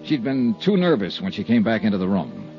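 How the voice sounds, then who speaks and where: A man's voice: on the low side, huge pitch swings, a little fast, a little mellow, faint music behind. An actor playing a blunt, world-weary male insurance investigator in an old radio drama, narrating in clipped, sardonic tones. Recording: dull lo-fi old radio broadcast.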